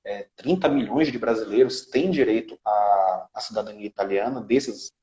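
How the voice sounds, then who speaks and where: As an interview guest, a citizenship law specialist with a Brazilian Portuguese accent goes through a legal process step by step, checking in frequently with tag questions. His voice is on the low side and darkish, at normal speed. The sound is roomy and muffled.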